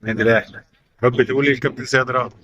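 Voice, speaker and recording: A man's voice: medium pitch, fairly even intonation, very fast, fairly bright tone, highs cut off. A man with an Egyptian accent interviewing young players, firing short questions and repeating their answers back. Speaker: interviewer at a youth football academy. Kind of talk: rapid-fire question interview.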